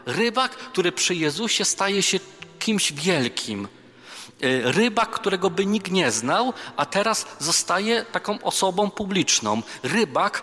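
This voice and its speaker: A high-pitched man, bright and forceful in tone, delivers a youth retreat sermon as a priest. It's conversational, pairing scripture with stories that make light of himself, recorded in a reverberant chapel hall with faint music.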